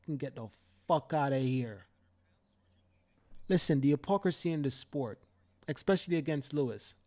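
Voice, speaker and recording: Warm in tone, a little high and at a moderate pace, this young Jamaican man hosts a live stream full of heated commentary. He rants fiercely with profanity, repeating lines for emphasis.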